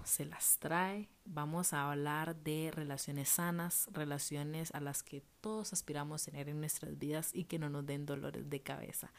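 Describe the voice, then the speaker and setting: A woman's voice: sits low, a little mellow. A young woman with a Costa Rican accent, hosting a casual solo podcast from home and talking in a chatty way with many fillers. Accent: Costa Rican Spanish. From Costa Rica. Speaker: podcast host.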